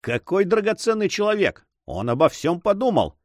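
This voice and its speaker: A man voicing an excitable, easily discouraged male sailor who complains and exclaims. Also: a little high, moderate pace, dry recording, studio quality, voice pushed up.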